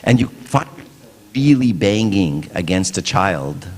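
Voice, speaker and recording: A man's voice: low voice, sing-song, takes it slowly, a little mellow. A man giving a casual, conversational sermon in a church, often checking in with the listeners by asking "right?". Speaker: preacher. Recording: long church reverb.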